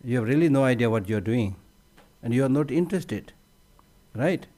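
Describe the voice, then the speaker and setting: A man teaching on meditation at a conference, conversational, often repeating words as he restarts a phrase, with gentle humor. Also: mid-range voice, expressive, a little fast. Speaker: Buddhist teacher.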